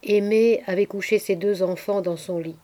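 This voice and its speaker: A woman narrating a literary audiobook in a measured, expressive storytelling voice. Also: mid-range voice. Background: faint background music.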